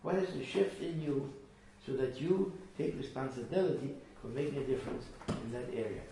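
Gravelly man lecturing in an echoey room. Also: medium pitch, normal speed, warm tone. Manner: earnest, emphatic, repeats phrases. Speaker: teacher. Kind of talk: lecturing a small group. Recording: echoey room from far off with faint noise.

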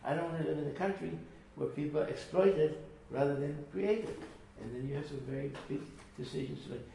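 A man's voice: a little high, brisk, gravelly, dark tone. A man teaching a small group, earnest and emphatic, often repeating his phrases. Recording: echoey room from far off with faint noise.

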